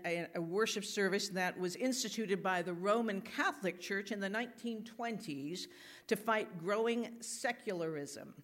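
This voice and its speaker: Slow, deliberate woman pastor. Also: medium pitch. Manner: slow, deliberate delivery with gentle humor. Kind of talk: sermon and scripture reading.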